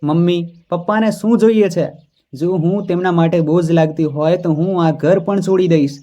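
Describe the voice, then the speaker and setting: A man's voice: high voice, normal speed, lo-fi sound, natural voice. Man voicing a stubborn indignant young wife. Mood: angry. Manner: sharp and indignant.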